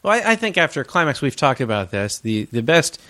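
A man's voice: mid-range voice, big pitch swings, fairly quick, pushed and bright. A man co-hosting a live comedy podcast before an audience, playful and dropping into silly voices. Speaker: podcast co-host. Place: hotel room with live audience.

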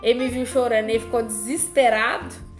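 A woman's voice: fairly high pitch, fairly even intonation, a little fast, reverberant, music in the background. A woman, co-hosting a casual chat and telling a personal story with lots of drama.

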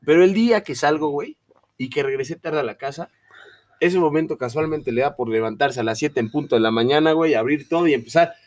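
A man's voice: a little high, brisk, recorded from a distance. A young man with a Mexican Spanish accent, co-hosting a casual podcast chat, full of slang, acting out what his parents say. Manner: slangy, animated, acts out his parents' voices. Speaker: podcast co-host.

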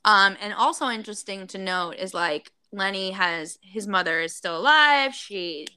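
A woman's voice: mid-range voice, moderate pace, sharp tone, clean tone, no echo. A woman co-hosting a casual gossip podcast, recounting a story with lots of fillers. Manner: chatty, recounting with many fillers. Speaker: podcast co-host.

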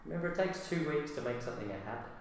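A teacher hosting a casual podcast chat with students, asking relaxed questions with many fillers, recorded with a big hall echo in an echoey school room. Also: mid-range voice, very fast, a crowd in the background. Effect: big hall echo, long reverb on the voice. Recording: echoey roomy recording with long reverb and faint ambient hiss.

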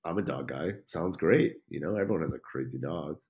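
A young adult man with an extremely low voice talks a little fast as a podcast guest, casually telling a story. He's animated, swears, and acts out the people's lines in it.

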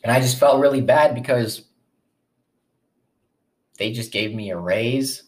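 A man's voice: medium pitch, unhurried. A young man hosting a casual solo podcast, swearing freely and rambling through asides while he eats breakfast and talks with his mouth full. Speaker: podcast host.

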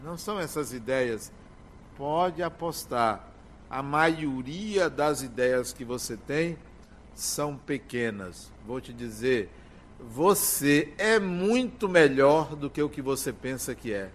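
An older man delivering a spiritual lecture, speaking slowly and emphatically with drawn-out words and pauses. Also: medium pitch, animated, slight background noise.

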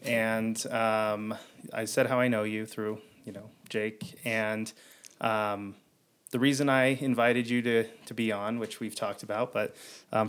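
A male podcast host rambles with many fillers while introducing his first guest for a casual interview conversation. His voice is on the low side with a fairly bright tone.

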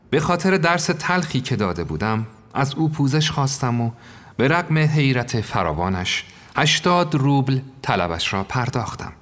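A man narrating a first-person story in a measured, reflective manner. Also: medium pitch, a bit bright. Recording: long reverb.

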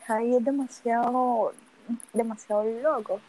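A woman co-hosts a casual podcast in a fairly high voice. She talks in an excitable rush, teasing her partner and cutting in bossily to take the floor. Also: a little slow, low-quality recording. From Nicaragua. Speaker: podcast co-host. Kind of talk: casual chat.

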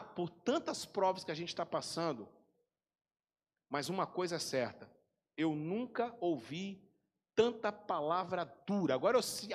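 High-voiced Brazilian pastor preaching in a reverberant church. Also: male voice. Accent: Brazilian Portuguese. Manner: animated storyteller, swinging between loud bursts and hushed asides. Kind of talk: storytelling sermon. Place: church hall. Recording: long church hall reverb.

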